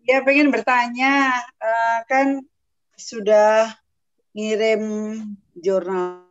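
A woman's voice: a little high, flat delivery, extremely slow. A woman asking a question over an online call, her audio choppy and breaking up so her words come in fragments. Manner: speaks in broken fragments. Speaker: webinar participant asking a question. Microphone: video call. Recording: muffled lo-fi online call with music behind.

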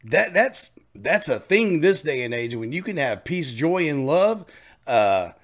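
A man's voice: fairly high pitch, sing-song, measured pace. A man hosting a reaction channel, chatting casually and reacting with enthusiasm over faint music. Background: faint music playing.

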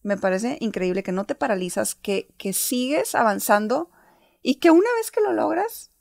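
Woman host, higher pitch, dry close mic, effusive. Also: expressive, moderate pace, gravelly, darkish tone, no echo. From Mexico. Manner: effusive, long affirming summaries. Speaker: interview host. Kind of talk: warm reflective interview.

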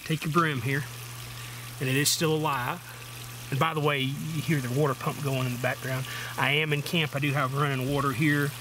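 A man's voice: a little high, flat delivery, normal speed. A middle-aged man, talking through a casual how-to while working at an outdoor camp table. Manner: plain, folksy, step-by-step explaining while working with his hands. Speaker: outdoor survival vlogger. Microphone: camera mounted overhead. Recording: water pump noise in background.

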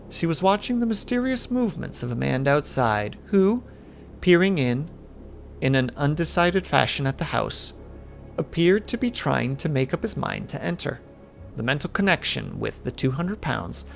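Man, spooky story reading, gravelly voice, steady pace, faint background hiss. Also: a little high. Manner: steady narration with small slips. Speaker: streamer reading a horror story.

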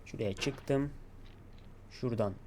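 Casting: male gaming YouTuber, mid-pitched, self-coaching play-by-play, faint background noise. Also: slow pace. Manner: talks to himself, coaxing and urging himself to stay calm. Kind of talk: gameplay commentary.

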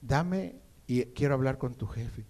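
A man's voice: medium pitch, measured pace, darkish tone. Male pastor, mid-range voice, storytelling sermon delivery. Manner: storytelling preacher, calls listeners brother.

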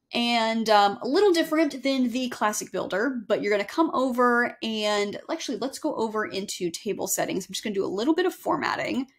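A young woman giving a casual screen-share software tutorial, chatty and self-correcting as she walks through each step. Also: fairly high pitch. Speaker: email marketing instructor. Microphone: webcam overlay on screen recording.

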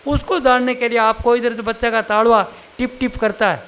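A man's voice: very high voice, steady tone, moderate pace, fairly bright tone, clean tone. An older man from India giving a spiritual sermon in a plain, conversational teaching manner with everyday examples. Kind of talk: satsang sermon.

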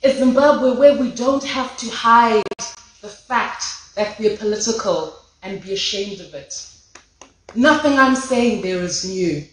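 A woman's voice: on the high side, unhurried. A woman giving an impassioned memorial tribute speech at a podium in a large lecture hall. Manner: impassioned, rhetorical, rising in force. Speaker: memorial speaker. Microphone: podium microphone.

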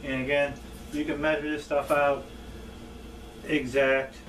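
A man in his thirties hosting a cooking show as a chef, talking casually and plainly in a halting, informal way. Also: fairly high pitch, level tone, fairly bright tone. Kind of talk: casual instructional vlog talk. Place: indoors at home, table and kitchen. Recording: distant mic with background noise.

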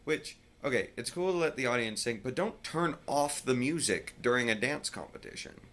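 A tired man chatting casually in a home vlog, rambling and sometimes dropping his voice very low. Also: expressive, normal speed, fairly bright tone. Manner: rambling, drops voice very low at times. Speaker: vlogger. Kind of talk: casual chat.

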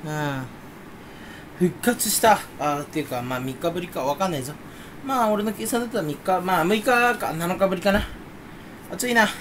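Rambling young man with lively pitch. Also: normal speed, a little hiss or hum. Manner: rambling, self-mocking, mimics others in a higher voice. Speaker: vlogger. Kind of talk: casual solo vlog chat. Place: room indoors.

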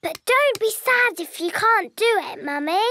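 A woman voicing a cheerful, excitable little girl piglet in a cartoon. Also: very high voice, measured pace, heavily acted. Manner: bouncy, excitable. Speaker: child cartoon character.

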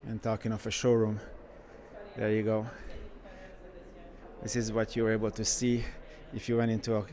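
A man who runs a car shop, walking through a car museum and giving casual, enthusiastic commentary with frequent pauses. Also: on the low side, monotone, darkish tone. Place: indoor car museum halls.

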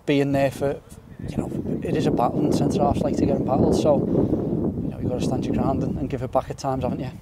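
A young man in his twenties, a footballer giving a post-match interview outdoors on a floodlit pitch at night, earnest and repeating words as he thinks. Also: flat delivery, fairly quick, few pauses, very noisy. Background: faint outdoor stadium ambience.

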